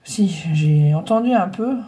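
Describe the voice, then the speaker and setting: Chatting from her home craft room, this scrapbooking vlogger has a fairly low, warm voice, animated but at a measured pace. She's middle-aged and congested with a cold, nose blocked and breathing heavily. Her casual, rambling talk to viewers about her scrapbooking is hesitant, packed with fillers and restarts.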